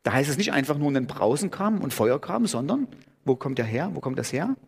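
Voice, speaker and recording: A man's voice: medium pitch, very animated, fairly quick, creaky, husky. A man preaching a sermon in German, thinking aloud with restarts and rising sharply on key words. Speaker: pastor.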